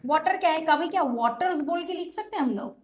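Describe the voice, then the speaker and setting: A woman teacher explains grammar in a high, very lively voice. She asks her class a question, then answers it herself, and keeps checking whether they have followed. Her pitch climbs and dips a lot. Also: fairly quick, muffled recording. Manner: often checks understanding with a repeated question. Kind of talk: grammar lesson in Hindi with English terms.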